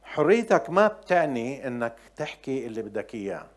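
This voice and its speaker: This middle-aged preacher with a Levantine Arabic accent has a medium-pitched, sing-song voice and talks a little fast. His sermon mixes chatty personal anecdotes with shifts from quiet asides to loud emphasis.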